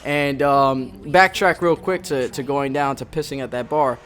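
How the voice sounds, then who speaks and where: Over gameplay, a young man from the Bronx who once served as a Marine rambles through a profanity-heavy story, frequently fixing his words mid-sentence. He speaks a little slowly, in a steady, medium-pitched, somewhat bright voice.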